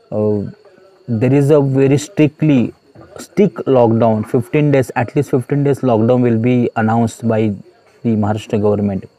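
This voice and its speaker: A man with an Indian English accent and a warm, medium-pitched voice gives his students an earnest motivational talk as a YouTube host. He hesitates a lot, repeating phrases and pausing with many "uh"s, and the recording quality is low.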